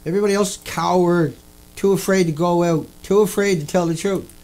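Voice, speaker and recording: A man delivering an angry, profane ranting monologue, repeating himself and bursting into shouts. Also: sits high, steady tone, a little fast, rough recording. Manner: repetitive, profane, indignant. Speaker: video host.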